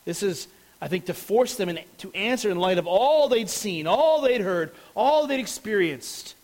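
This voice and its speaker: A man's voice: high voice, lively intonation, moderate pace, darkish tone, poor audio. A man preaching a sermon as a pastor, explaining a passage earnestly and stressing key words.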